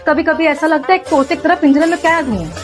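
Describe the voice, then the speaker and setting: A young woman acting in a comedy sketch, complaining in a rapid, gossipy way. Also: sits high. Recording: music playing behind.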